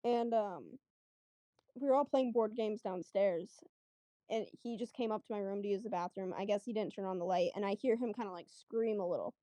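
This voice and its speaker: Chatty woman with a dark, mellow voice. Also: mid-range voice, normal speed, no room sound. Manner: chatty, lots of fillers, acts out quotes. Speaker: guest. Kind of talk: casual storytelling.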